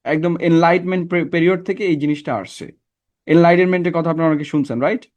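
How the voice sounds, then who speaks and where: A man's voice: a little high, steady tone, fast talker, a little mellow. Man lecturing a class. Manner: conversational, asks the class checking questions. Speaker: teacher.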